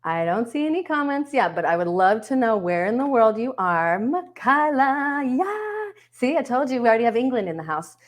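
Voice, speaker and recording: A woman's voice: medium pitch, lively intonation, fast talker, few pauses. A woman hosting a live online workshop from home, chatting upbeat with viewers in the comments over a webcam. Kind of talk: casual livestream hosting. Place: home, yard work heard outside.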